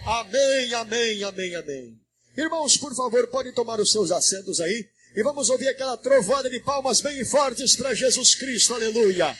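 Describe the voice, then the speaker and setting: A Brazilian man preaching a Pentecostal sermon in church, calling on the congregation to answer, and rising into a rhythmic, sing-song shout. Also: very high voice, lively intonation, brisk, hardly any pauses. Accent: Brazilian Portuguese. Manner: calls to the congregation to respond. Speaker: pastor. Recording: 1992 church recording.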